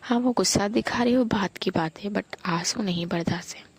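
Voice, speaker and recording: A woman narrating a romantic audio story in a soft, intimate whisper. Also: medium pitch, normal speed, slightly rough.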